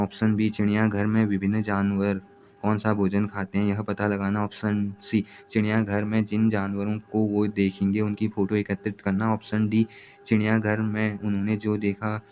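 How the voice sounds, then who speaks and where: Low, monotone male tutor reading test questions and options, faint music underneath. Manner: steady, repetitive question-by-question reading. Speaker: exam prep teacher. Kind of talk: reading exam questions and answers.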